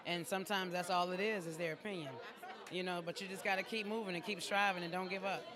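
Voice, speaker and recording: A man's voice: sits high, fairly even intonation, quick pace. A man, a music artist, giving casual, encouraging answers in an outdoor red carpet interview. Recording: loud crowd chatter outdoors.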